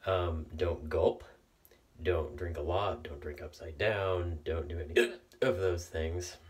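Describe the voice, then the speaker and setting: Deep-voiced man with the hiccups. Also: far from the mic. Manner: halting, with fillers and restarts. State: has the hiccups. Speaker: vlogger. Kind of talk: casual how-to video.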